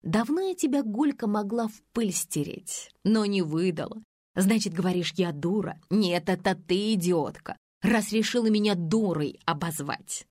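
A woman reading an audiobook, voicing a brash, spiteful, scheming woman with a shrill, mocking manner. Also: expressive, moderate pace, a little mellow, dry recording, clean studio sound, natural voice. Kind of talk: audiobook character voice.

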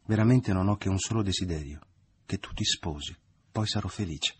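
A man's voice: deep voice, brisk, slightly rough, no room sound. A man voicing a doting, naive middle-aged mother who talks in a gushing, sentimental way, in an audiobook reading. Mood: effusive.

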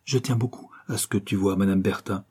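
A man reading aloud who voices an affectionate young girl, gentle and pleading in a storybook. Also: low voice, fairly even intonation, fairly quick, breathy edge. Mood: earnest.

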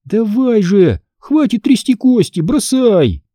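A man doing a bold, bossy girl who brushes off worries and hurries others along, pitched high and lively. Under it the tone stays dark and husky. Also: normal speed, no echo, studio quality. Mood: impatient. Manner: dismissive, impatient. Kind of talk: audiobook character voice.

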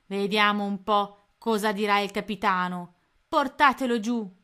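A woman voicing rough male rat pirates in a read-aloud storybook, sneering and menacing. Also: mid-range voice, a little slow, pushed and bright.

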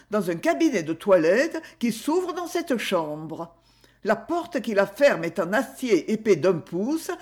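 A woman's voice: mid-range voice, a little mellow. A woman voicing a frightened young woman who pleads and confesses, her voice raised and trembling.

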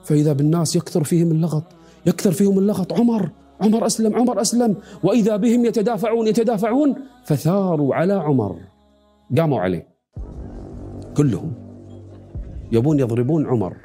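A middle-aged male preacher with a Gulf Arabic accent tells a story in an animated sermon. His voice is fairly high and mellow and moves with lively swings of pitch. A faint bed of music plays behind him. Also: fast talker, long pauses, breathy edge. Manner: animated, mixes dialect with classical quotes.

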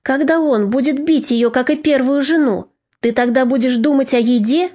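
A woman's voice: sits high, normal speed, dark tone. A woman doing a fierce old grandmother. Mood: indignant.

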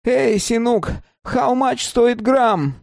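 A man voicing a reckless young male addict, a cocky hustler with a high, brash voice. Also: extremely slow, vocal fry, no room sound, studio quality, exaggerated voice. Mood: scheming.

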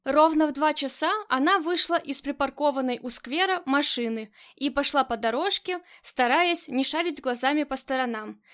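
A woman narrating a crime novel aloud in a steady storytelling delivery. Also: high voice, normal speed, few pauses. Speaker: audiobook narrator. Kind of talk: scripted narration.

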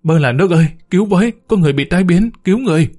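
A man's voice: mid-range voice, normal speed, mellow, breathy edge, natural voice. A man voicing a frightened elderly housemaid in a spoken story, pleading and panicky. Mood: screaming for help.

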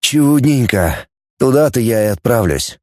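A man's voice: medium pitch, expressive, a little slow, darkish tone, dry recording, clean studio sound, close to an everyday voice. Man voicing cynical sardonic outcast man. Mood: wry. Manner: sardonic, scornful ranting.

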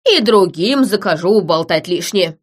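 A woman's voice: on the low side, animated, moderate pace. Woman doing a humble grateful old woman. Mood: earnest. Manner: earnest, humble.

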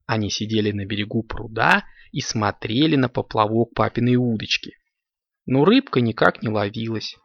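Man reading a kids' story, super animated, gravelly, dry lo-fi sound. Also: fairly low pitch, normal speed, no echo. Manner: lively, expressive reading. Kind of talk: storybook narration for children. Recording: dull lo-fi dry recording.

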